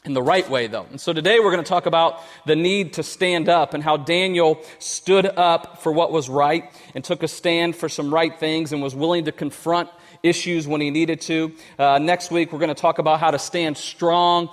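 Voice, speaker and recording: A man preaching a conversational sermon as pastor, telling stories with lively restarts. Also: on the high side, normal speed. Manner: conversational, animated storytelling with restarts. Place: church sanctuary. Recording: long hall reverb.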